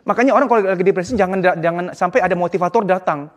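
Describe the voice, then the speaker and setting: A man giving a casual psychology talk in a lively way, acting out quoted voices and slipping in English phrases. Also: high voice, very fast. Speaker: psychology speaker. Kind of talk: casual motivational lecture.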